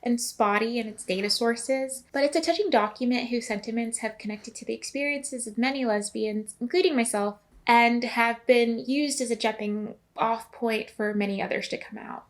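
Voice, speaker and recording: A young woman narrating a video essay in a casual, chatty way, with asides to the viewer. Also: a little high.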